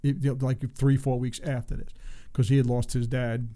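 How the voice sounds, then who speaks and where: A man in his sixties from Long Island, New York, once a race car driver, rambles through stories as a guest in a casual interview, acting out the voices of the people he quotes. His voice is mid-range and warm, with little pitch movement and a normal pace.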